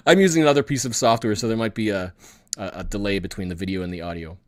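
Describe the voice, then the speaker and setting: A man's voice: fairly low pitch, fast talker. A man with a Canadian accent hosting a casual livestream chat, jovial and often chuckling as he talks. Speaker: livestream host.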